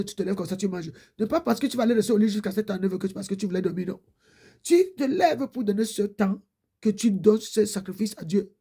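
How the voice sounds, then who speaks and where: A woman's voice: medium pitch, creaky, dark tone, breathy edge. A woman preacher giving a fervent exhortation and prayer, repeating her pleading prayer lines.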